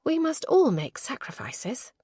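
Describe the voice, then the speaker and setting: A woman voicing a spirited young newlywed gentlewoman, playful and arch in her teasing. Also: high-pitched, sing-song, dry recording, studio quality, voice pushed up. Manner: playful, arch, quick to tease.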